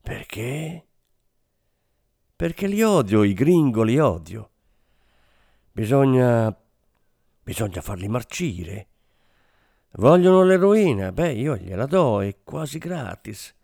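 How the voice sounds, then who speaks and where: A man's voice: medium pitch, big pitch swings, slow, pauses often, dark tone, no room sound, clean studio sound, heavily acted. A man reading a story aloud, voicing a drugged, bitter Latin American drug smuggler who rants with hatred. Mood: bitter, ranting. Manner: ranting, hateful, broken.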